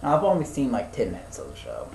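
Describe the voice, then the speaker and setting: A young man talks loosely on a casual podcast, drifting between thoughts with plenty of ums and the odd swear. His voice sits at a middling pitch, and the room around him is echoey with a faint hiss underneath. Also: wildly swooping pitch, fast talker, creaky, a little mellow. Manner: rambling, loose and profane, with many fillers. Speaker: podcast co-host. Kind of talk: casual chat.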